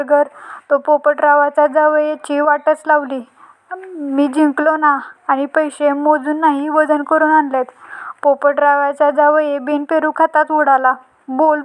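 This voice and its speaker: A boastful father-in-law who spins little rhymes, read out by a woman. The voice sits high and stays flat, with little rise and fall. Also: rough recording. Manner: rhyming, bragging banter.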